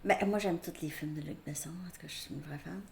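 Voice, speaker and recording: A woman's voice: sits low, fast talker, creaky. A woman with a Québécois French accent giving a casual, rambling tarot reading, thinking aloud with many fillers. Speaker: tarot reader. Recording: echoey room with faint noise.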